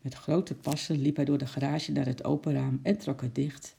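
A storyteller reading a children's story aloud in a calm narrating voice. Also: mid-range voice, moderate pace, gravelly, breathy edge.

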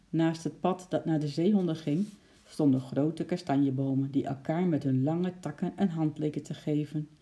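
A storyteller reading a children's story aloud, lively and adding sound effects for the animals. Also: mid-range voice.

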